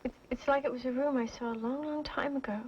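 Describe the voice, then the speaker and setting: An actress playing a fragile, haunted young woman with halting speech in a 1970s TV horror mystery, on a dull, noisy soundtrack. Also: high voice, steady tone, lightly acted. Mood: haunted, hesitant. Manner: hesitant, halting.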